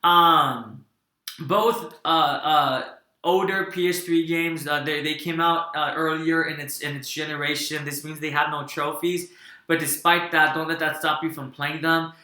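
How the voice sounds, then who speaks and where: A man's voice: a little high, fairly even intonation, unhurried, pushed and bright, roomy sound. A man giving a casual, enthusiastic video game review, rambling with fillers and restarts.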